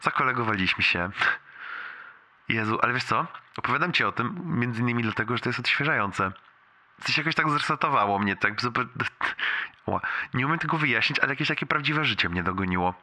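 A man's voice: mid-range voice, animated, fast talker, pushed and bright. A young man leaving a casual, rambling, sweary voicemail for a friend, amused and wincing in pain as he talks. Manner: rambling, colloquial, heavily sweary storytelling.

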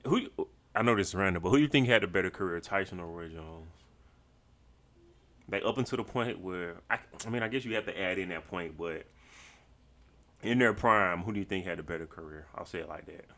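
This is a man with a very low voice, co-hosting a casual podcast. He talks in a laid-back way, full of slang, and he swears freely. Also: a little fast, fairly bright tone. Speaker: podcast co-host. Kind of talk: casual chat.

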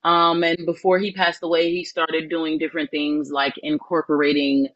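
A woman's voice: sits low, flat delivery, moderate pace, fairly bright tone, no room sound. Woman guest, earnest storytelling, frequent ums, lo-fi muffled audio. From New Orleans, Louisiana. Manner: earnest, reflective, many ums and restarts. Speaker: spiritual life coach, podcast guest. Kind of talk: personal storytelling in an interview.

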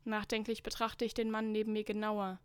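A woman's voice: medium pitch, monotone, brisk, clean tone, no echo. A young woman co-hosting a podcast, reading fanfiction aloud with dry, mocking commentary and skipping parts with "bla bla". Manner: mocking, skips passages with "bla bla". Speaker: podcast co-host.

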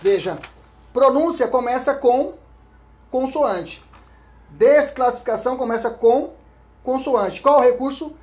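A man with a Brazilian Portuguese accent teaching an exam-prep law lecture. He reads statutes aloud, repeats key points, keeps checking in with his listeners and often trails off into a low murmur. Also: unhurried, long pauses, darkish tone.

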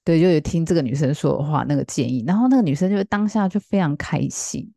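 A woman's voice: low voice, lively intonation, quick pace, vocal fry, dark tone, dry recording, clean studio sound. A woman, telling a story in a chatty way, full of fillers, and acting out the quoted lines. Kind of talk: casual storytelling.

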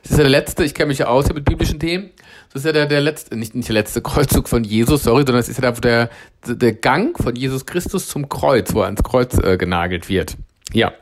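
Ein Mann, der als Moderator locker, begeistert und ironisch über Fernsehsendungen plaudert. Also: male voice, medium pitch, fairly quick. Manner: chatty, enthusiastic and ironic. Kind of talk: casual chat.

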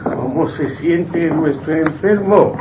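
An actor playing a kindly, jovial hospital doctor in a radio drama, reassuring and avuncular. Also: male voice, fairly high pitch, slow pace. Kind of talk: old radio drama acting. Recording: dull, noisy old radio recording.

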